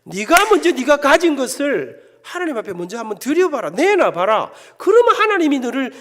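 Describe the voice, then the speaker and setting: A man's voice: extremely high pitch, big pitch swings, normal speed, fairly bright tone, heavily acted. A man preaching who voices God as a stern, teasing, blunt male figure. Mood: scolding. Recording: long church hall reverb.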